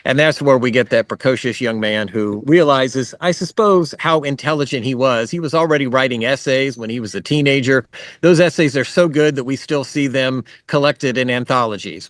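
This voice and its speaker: A man's voice: medium pitch, a bit bright, dry recording. Man giving a chatty history lecture. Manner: conversational, with fillers and asides. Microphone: video call.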